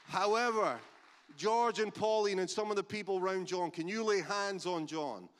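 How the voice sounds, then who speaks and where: A man's voice: high voice, normal speed, a bit bright, a faint crowd, a little hiss or hum. A Scottish man preaching a sermon as pastor, emphatic and conversational, telling stories and leading prayer. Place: church service. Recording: reverberant church hall.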